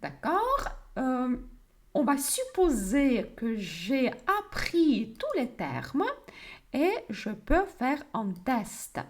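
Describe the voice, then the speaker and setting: A woman with a French accent teaches vocabulary on a livestream, slow and deliberate, often repeating words so learners can follow. Her fairly high voice rises and falls a lot as she talks. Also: wildly swooping pitch.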